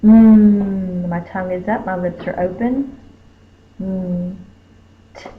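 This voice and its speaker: A woman teacher, slowly sounding out letters and sounds in a phonics spelling lesson. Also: lowish voice. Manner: slow, careful, sounding out each letter. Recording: tinny phone-like lo-fi recording.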